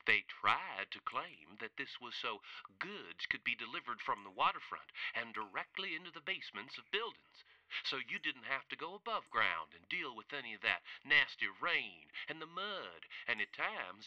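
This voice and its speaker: A man narrating in an animated, theatrical storytelling style, like a guide. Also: medium pitch, moderate pace, dry recording, muffled recording.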